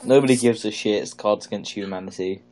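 Blunt low-voiced man on voice chat. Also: fast talker, darkish tone, a little hiss or hum. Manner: blunt, swearing asides. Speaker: card game player. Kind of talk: casual voice chat while gaming.

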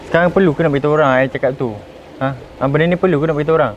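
A man's voice: fairly high pitch, very fast, highs cut off, slight background noise. A young man with a Malaysian accent, arguing curtly and confrontationally. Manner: curt and confrontational. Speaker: vlogger in a staged couple quarrel. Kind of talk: staged couple argument.

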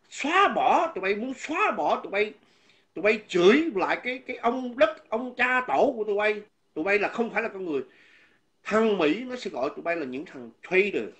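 A man's voice: high voice, a bit bright. A man delivering an angry, insulting monologue as a vlogger, repeating himself and stumbling over words. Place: living abroad.

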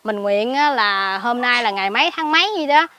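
A woman with a Southern Vietnamese Mekong Delta accent, a lay Buddhist recluse telling a story outdoors in a garden, swinging between hushed asides and excited outbursts. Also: on the high side, moderate pace. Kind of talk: casual spoken storytelling.

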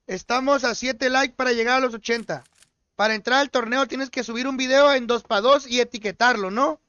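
High-voiced Mexican guy streaming a game. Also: steady tone, a little fast, bright, forceful tone, clear, resonant tone, lo-fi sound. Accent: Mexican Spanish. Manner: joking, teasing chat and teammates, slangy. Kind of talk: livestream gaming chat.

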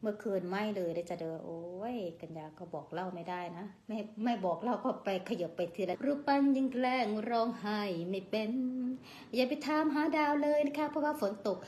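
A woman's voice: fairly high pitch, fairly quick, darkish tone, slight background noise. A woman with an Isan accent, hosting a casual live stream, reading out and thanking viewer comments. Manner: chatty, reads out viewer comments and thanks them; refers to herself by name in the third person.

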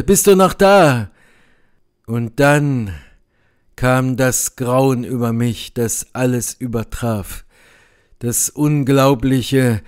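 A man reading a horror story as an audiobook in a measured, grave manner. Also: medium pitch, mellow, clear, resonant tone. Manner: slow, measured, grave delivery. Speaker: audiobook reader. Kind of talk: dramatic audiobook narration.

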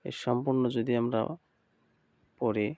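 Slow, deliberate Bangladeshi man teaching. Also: medium pitch, fairly even intonation, warm tone, no room sound. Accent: Bangladeshi Bengali. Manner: slow and deliberate, rhythmically chanting letter sounds and repeating drills. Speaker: Quran recitation teacher. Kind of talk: slow recorded lesson.

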